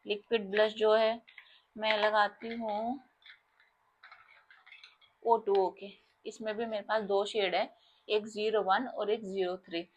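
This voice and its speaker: A woman's voice: mid-range voice, little pitch movement, takes it slowly, pauses often, a little hiss or hum. A young Indian woman, a makeup artist, talking casually and explaining her products step by step to viewers.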